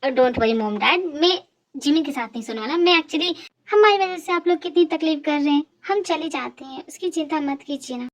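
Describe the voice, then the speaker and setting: A woman's voice: sits high, moderate pace. A woman voicing a cocky, bossy young man in an amateur fan dub. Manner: bossy, curt.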